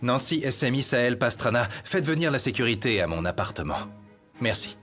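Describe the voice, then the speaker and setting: A man's voice: mid-range voice, very animated, a little fast, fairly bright tone, soft background music. An actor in a dubbed television melodrama playing a cold, contemptuous wealthy father. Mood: cold, scornful. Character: cold, contemptuous wealthy father rejecting his child's mother.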